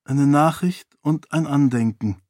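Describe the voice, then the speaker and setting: A man voicing a grieving woman, an exiled mother who speaks softly and sorrowfully in an audiobook. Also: fairly high pitch, a little slow, no echo, clean studio sound, natural voice. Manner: soft, sorrowful.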